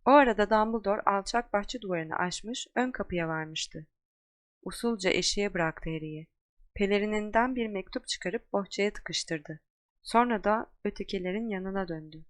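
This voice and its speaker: A woman narrating an audiobook in a steady, measured storytelling voice. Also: medium pitch, no room sound. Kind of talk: scripted narration.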